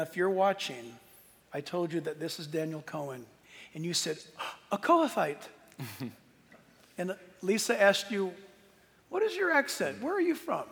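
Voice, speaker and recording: A Bible teacher and tour leader preaches informally to an audience in a fairly high, creaky, slightly bright voice. His delivery is earnest and emphatic, broken by dramatic pauses. Long reverb from a large hall trails after his words.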